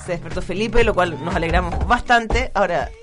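A man's voice: high-pitched, a little fast, music in the background. A man hosting a casual talk show, telling stories in a loose, rambling way. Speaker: show host. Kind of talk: casual chat.

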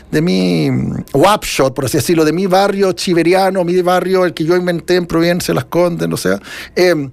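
A middle-aged man with a Chilean accent talks about his own writing. His voice sits high, and he rambles reflectively, with many fillers and restarts. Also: vocal fry. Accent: Chilean Spanish. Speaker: author being interviewed. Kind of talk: casual interview conversation.

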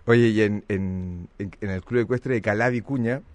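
A middle-aged man with a Chilean accent, telling comic stories in lively banter. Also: lowish voice, normal speed, noisy background. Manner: lively storytelling, mimics voices.

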